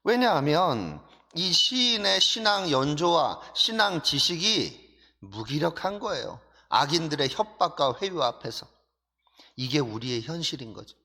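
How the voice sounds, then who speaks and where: A male pastor with a fairly high voice preaches a dawn sermon in a reverberant church. He acts out pleading prayers and swings between hushed, intimate asides and lifted exhortation. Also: unhurried. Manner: animated preaching, voices pleading prayers, drops to soft near-whispers. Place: church sanctuary.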